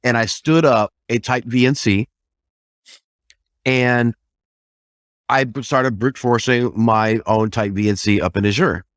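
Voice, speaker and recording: A man's voice: mid-range voice, measured pace, pauses often, dry recording, clean studio sound. A man co-hosting a casual podcast conversation. He tells stories animatedly and swears mildly. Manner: animated storytelling, mild swearing.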